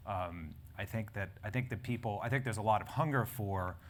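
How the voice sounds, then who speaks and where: Speaking a little fast in a lowish voice, a man who edits a health publication runs a live panel discussion before a conference audience. He rambles, self-corrects, and fills gaps often, with slight background noise.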